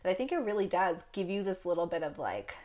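A woman's voice: lowish voice, fast. Woman chatting casually, voice jumps all over, laughs a lot. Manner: laughs often, animated storytelling. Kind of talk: casual chat.

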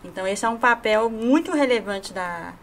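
A Brazilian woman, a guest official on a talk show, explaining things in a measured way. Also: a little high, lively intonation, fairly bright tone, a little hiss or hum. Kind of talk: casual chat.

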